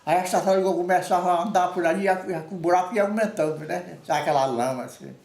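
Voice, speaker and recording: Speaking quickly in a high, slightly mellow voice, an older storyteller with an Amazonian Brazilian accent rambles through informal oral tales, repeating words and tacking short questions onto phrases. The room is echoey.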